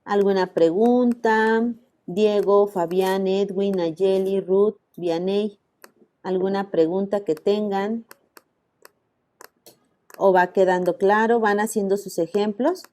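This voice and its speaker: A woman university teacher with a Mexican Spanish accent, giving an online class lecture and patiently explaining, slowing down to stress her examples. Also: mid-range voice, fairly even intonation, dark tone.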